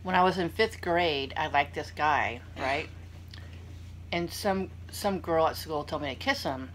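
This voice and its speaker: A young woman with a low voice hosts a casual eating vlog, talking to her viewers between bites. She rambles in an unhurried, self-deprecating way. Clear background noise sits behind her voice. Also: fairly bright tone. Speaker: vlogger hosting a mukbang.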